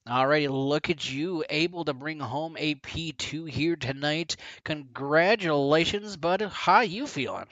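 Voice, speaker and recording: A man calling a sim race as play-by-play commentator, talkative and building excitement toward the finish. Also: a little high, a little slow, few pauses, no room sound, highs cut off.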